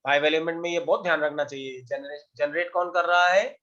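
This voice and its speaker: A fairly high-voiced man leads an online class, firing quick questions at his students as he explains. The sound is dull and lo-fi, like audio from a video call. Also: fairly even intonation, a bit bright. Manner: quizzing students with quick questions, mixing Hindi and English. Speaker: acupuncture teacher.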